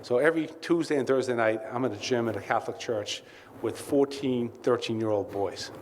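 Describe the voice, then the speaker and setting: A man's voice: mid-range voice, fairly quick, darkish tone. A man giving a welcome speech as CEO at a client event, telling candid anecdotes with many asides. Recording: reverberant hall with faint ambient noise.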